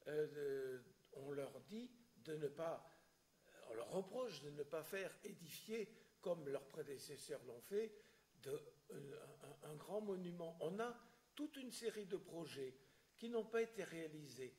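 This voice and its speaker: A man giving a history lecture in French, hesitant and full of filler sounds and restarts, often clearing his throat. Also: fairly high pitch, animated, measured pace, darkish tone. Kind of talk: public lecture with questions.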